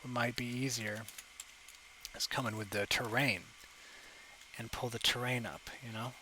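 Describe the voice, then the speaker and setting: A young man with a bright, forward voice talks casually through a live sculpting stream, narrating each step as he works. He rambles and corrects himself with plenty of ums, speaking into a desk mic with a faint hum of room ambience behind him. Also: medium pitch, steady tone, measured pace, poor audio. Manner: rambling, thinking aloud with many fillers and self-corrections. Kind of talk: casual live tutorial commentary. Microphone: desk microphone.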